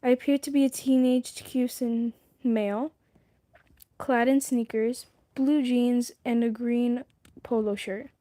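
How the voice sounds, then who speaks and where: Higher-pitched woman reading a novel aloud. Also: fairly even intonation, takes it slowly, warm tone, no room sound. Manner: stumbles over words and breaks off to comment. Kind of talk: casual read-aloud on a livestream.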